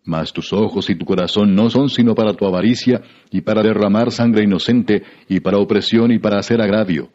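A man giving a measured, solemn scripted Bible reading, heard through a muffled radio broadcast. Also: on the low side, a little mellow. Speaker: scripture reader.

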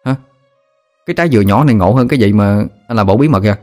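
A man's voice: fairly low pitch, racing, a little mellow, soft background music, natural voice. A man with a Southern Vietnamese accent voicing a young village boy who pouts, whines and boasts. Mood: boastful. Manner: pouting, whiny, cocky.

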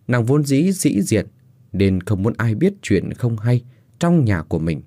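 A man narrating a dramatic story in an expressive audiobook reading style. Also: lowish voice, no echo, studio quality.

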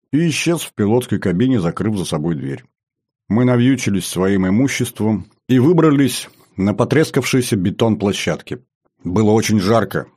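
A man reading a first-person adventure audiobook in an even, descriptive manner. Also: lowish voice, slightly rough. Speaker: audiobook narrator.

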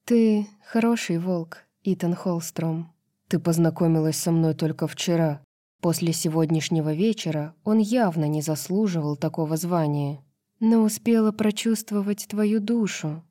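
A woman voicing a gentle young queen who is a witch healer, speaking calmly and kindly. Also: lowish voice, unhurried, dry recording, clean studio sound, close to an everyday voice. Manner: calm, kind.

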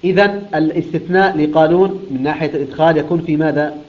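A man with a fairly high voice teaching a Quran recitation lesson. He explains each rule plainly, then chants the example words slowly with a melodic lilt. The recording sounds dull and lo-fi. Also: steady tone.

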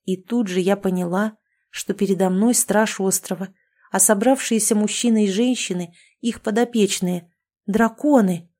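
A woman narrating a first-person fantasy story in a steady, even storytelling voice. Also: mid-range voice, moderate pace. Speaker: audiobook narrator.

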